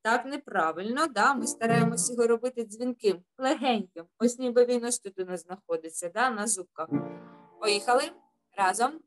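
A woman's voice: on the high side, moderate pace, over music. A woman vocal teacher leading a children's singing lesson, patient and encouraging, using diminutives and checking in with a questioning "right?".

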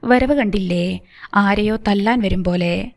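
A woman voicing an outspoken adult woman who is quick to retort, in an audiobook. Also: mid-range voice, lightly acted.

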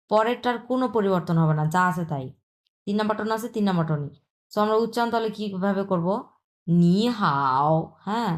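A woman with a Bangladeshi accent teaching a language lesson, patiently repeating points and drawing out example sounds slowly. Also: medium pitch. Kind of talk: explanatory lesson.

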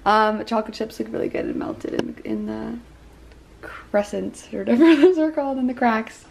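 A young woman walks through a recipe in her home kitchen, her voice a touch high and bubbly. She talks casually and chattily, filling pauses with "um" and "like". A faint hiss sits under the recording. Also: big pitch swings, gravelly. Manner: bubbly, chatty, says "like" and "um" often. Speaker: baking vlogger. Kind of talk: casual baking tutorial.

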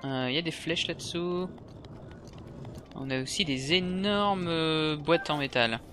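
A man's voice: fairly high pitch, a little slow, bright, forceful tone, a little hiss or hum. A man with a French accent casually commenting on his video game as he plays, reacting aloud and talking to the enemies. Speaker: video game let's player. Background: game music.

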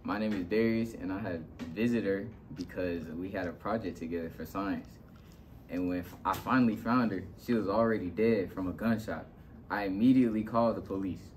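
A man's voice: sits low, brisk, darkish tone, a little hiss or hum, lightly acted. A man playing a teenage boy witness in a homemade drama, in a plain, earnest way.

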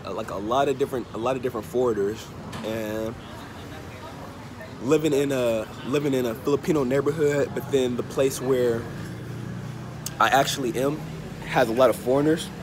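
A man in his thirties with a congested, stuffy nose, under the weather, chatting casually to his phone as a travel vlogger, unhurried and repeating phrases. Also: mid-range voice, fairly even intonation. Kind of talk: casual chat to camera. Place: open-fronted hostel bar or cafe. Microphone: phone held at arm's length. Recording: noisy open-air cafe with traffic. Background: street and vehicle ambience.

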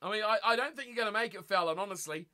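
A man's voice: sits high, rapid-fire, pushed and bright. A man with a New Zealand accent hosting a rugby watch-party stream, chatting casually with viewers, teasing them and laughing often. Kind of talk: casual live-stream chat, reading chat aloud.

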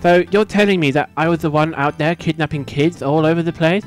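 A man's voice: on the high side, brisk, faint music behind, lightly acted. A man voicing a naive young male dragon, the son of a dragon god, talking in an earnest, polite, worried way.

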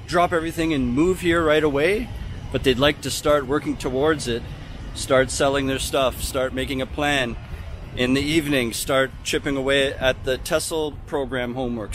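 With a slightly high, somewhat bright voice, the travel vlogger and English teacher chats and explains as he walks outdoors through a city park and temple grounds, holding the camera at arm's length. City traffic hums behind him.

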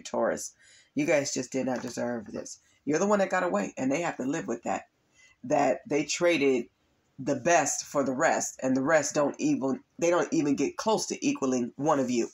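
A man with a medium-pitched voice, raspy from allergies and overuse, speaks to camera as a tarot reader and spiritual coach. He delivers an earnest, repetitive spiritual reading monologue, addressing his viewers as "you guys."

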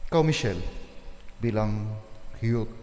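Middle-aged filipino priest guy, talks slow and solemn, big cathedral echo. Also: on the low side, a little mellow. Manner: measured, deliberate. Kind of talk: solemn Gospel reading and homily. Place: large indoor church. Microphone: gooseneck lectern microphone, through face mask. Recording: cathedral echo, long church reverb.

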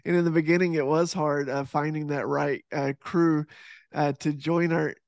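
A man's voice: a little high, level tone, moderate pace, a little mellow, no room sound. A man in his thirties from Texas, a podcast guest talking earnestly over a video call, with frequent restarts and fillers. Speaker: podcast guest, fitness instructor and author. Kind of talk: casual video-call interview. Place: home room with poster behind. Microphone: headset mic on boom arm over video call.

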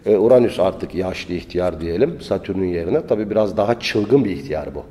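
A man's voice: deep voice, animated, brisk, warm tone. A man, an astrology teacher, gives an informal lecture in a rambling, colloquial and preachy way, often scolding his listeners. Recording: long reverb.

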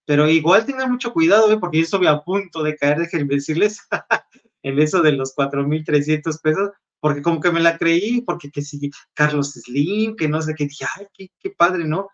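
An easygoing, chatty man co-hosts a gossip show. His voice sits a little high. The recording sounds dull and lo-fi. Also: normal speed. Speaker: show co-host. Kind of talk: casual gossip chat.

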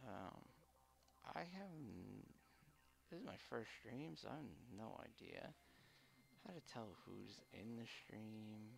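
A man livestreaming casually and haltingly, his voice muffled by a face mask. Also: fairly low pitch, lively intonation, vocal fry. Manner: halting, hesitant, unpolished first-time streamer. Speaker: live streamer. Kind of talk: casual unscripted livestream chat.

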